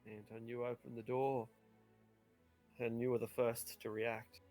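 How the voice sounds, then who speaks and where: A man running a tabletop game as game master, improvising dramatic, halting narration. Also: medium pitch, level tone, darkish tone, soft background music.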